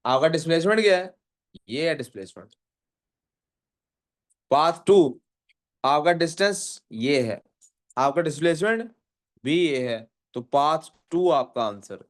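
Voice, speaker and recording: A man's voice: on the high side, lively intonation, measured pace, pauses often. A man teaching a physics class. He reads questions out in English, explains them in Urdu and keeps quizzing his students. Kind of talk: classroom lecture.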